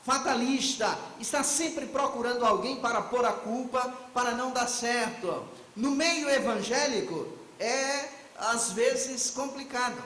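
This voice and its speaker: In a low-quality, roomy recording with slight background noise, a man lectures on theology at a conference. His voice is very high and a bit bright. Reflective in manner, he puts questions to the audience and then answers them himself.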